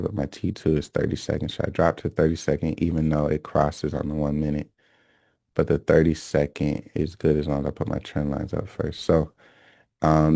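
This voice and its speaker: A man's voice: a bass voice, gravelly, dark tone, no echo, clean studio sound. A man teaching a recorded lesson on reading market charts. He talks emphatically, repeats key phrases and keeps checking in with "okay?" and "right?". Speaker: trading instructor.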